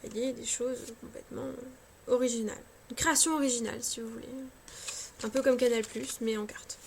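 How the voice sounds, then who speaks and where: A high-voiced woman talks casually at home, full of hesitant fillers and restarts and gently mocking herself. She sounds a little tired. Faint scratching noise sits behind her voice on the camera mic. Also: steady tone, brisk, gravelly. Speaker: cartomancy vlogger. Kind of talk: casual chat showing card decks.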